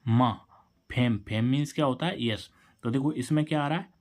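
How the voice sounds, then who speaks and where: A man's voice: mid-range voice, moderate pace. A man teaching an English spelling lesson, asking a question and then answering it himself, and spelling words out letter by letter. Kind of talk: classroom-style spelling lesson.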